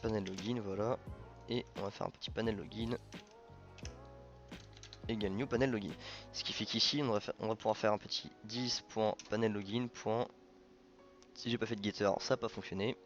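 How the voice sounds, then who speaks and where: A man's voice: on the low side, steady tone, moderate pace, pauses often, muffled recording, faint music behind. A man hosting a programming tutorial, thinking aloud informally with many fillers and self-corrections. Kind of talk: casual coding screencast narration.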